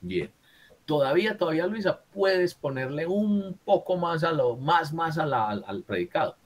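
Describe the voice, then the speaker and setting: Over a video call, a man runs an online writing class, frequently checking in and correcting his students while asking "¿cierto?" again and again. He speaks at a moderate pace in a fairly high voice with big pitch swings.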